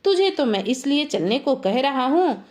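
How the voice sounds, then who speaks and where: A woman's voice: high-pitched, sing-song, normal speed, darkish tone. A woman voicing a distraught, irritable village farmer man who has lost his buffalo. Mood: bossy. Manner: grumbling, irritable.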